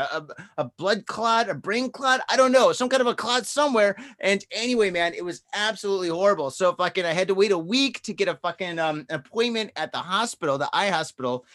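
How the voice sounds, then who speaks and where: With a high, slightly bright voice, this man in his forties co-hosts a podcast and tells a meandering, foul-mouthed story, calling people "dude" and "man" throughout the casual conversation.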